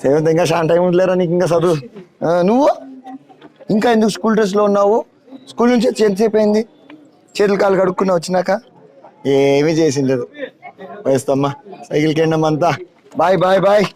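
Fast-talking high-voiced man canvassing outdoors. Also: a little mellow. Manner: familiar, coaxing, urging voters repeatedly. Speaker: campaigning politician. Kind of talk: door-to-door canvassing chat. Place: outdoors in a village street.

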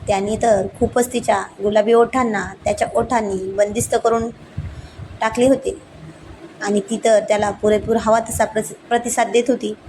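A woman telling a romantic story as narrator in a steady, intimate way. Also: a little high, normal speed, a little hiss or hum, poor audio.

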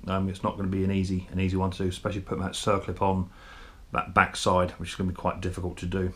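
A small engine repair host walks through fixing a chainsaw brake in his workshop, chatty, a bit self-deprecating and thinking aloud as he works. His deep voice is a little bright, monotone and fast. A head-mounted camera records him, with clear background noise and tool clicks.

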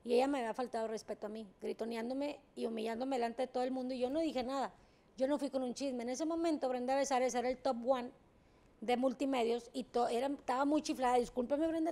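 Woman, talk show guest: high voice with gravel, blunt and emphatic, casual swearing. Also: fairly even intonation, fast, dark tone. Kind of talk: candid interview storytelling.

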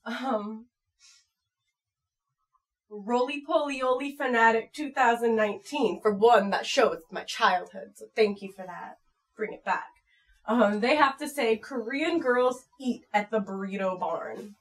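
A little high and at a measured pace, her voice comes through poor audio. She's an American woman in her twenties reading viewer comments on her channel, chatting playfully, frankly and a touch crudely in a casual vlog from her computer desk in a small home room.

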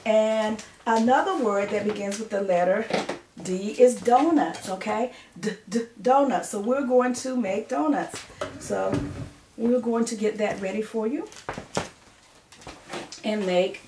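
A woman's voice: a little high, unhurried, pauses often. A middle-aged woman teaching a children's lesson to camera, speaking in simple, repeated phrases as a preschool teacher. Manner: simple, repetitive phrasing addressed to young children. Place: living room or study at home. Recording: roomy, distant mic, faint noise.

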